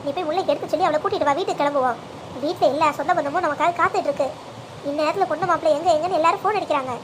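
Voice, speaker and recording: Woman voicing a calm, reasoning father. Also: sits high, rapid-fire, noisy background, close to an everyday voice. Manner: soothing, persuasive, takes blame. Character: calm, reasoning middle-aged father, man.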